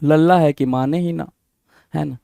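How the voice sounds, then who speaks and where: Energetic high-voiced vocabulary teacher. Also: male voice, normal speed, vocal fry, no room sound. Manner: energetic, drills words with repeated questions. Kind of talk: exam-prep vocabulary lesson.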